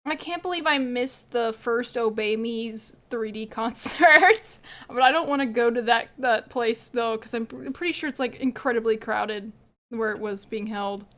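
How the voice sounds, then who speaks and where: High-voiced chatty woman streamer. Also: normal speed, a bit bright. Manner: rambling, chatty, laughs often. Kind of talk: casual live-stream chat while gaming.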